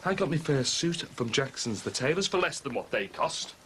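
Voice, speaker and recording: An actor playing a grumbling, hard-up husband in a 1980s TV soap. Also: male voice, mid-range voice, very animated, normal speed, pushed and bright, a little hiss or hum. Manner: grumbling, put-upon.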